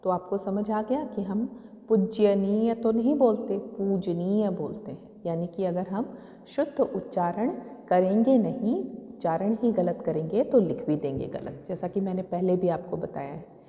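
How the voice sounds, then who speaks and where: A woman's voice: lowish voice, unhurried. A woman teacher giving a grammar lesson to young pupils, saying each word twice and explaining how it is spelled. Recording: muffled, with a long reverb.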